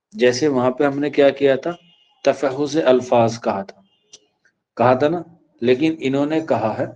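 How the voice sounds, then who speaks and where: A man from India teaching an exam prep lecture, repeating key phrases slowly so students can write them down. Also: mid-range voice, a little mellow, low-quality recording.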